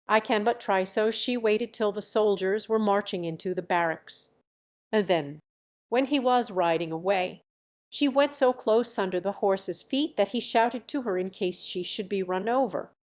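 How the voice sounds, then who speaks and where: A woman reading a classic fairy tale aloud as an audiobook narrator, measured and even. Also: mid-range voice. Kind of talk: storybook reading.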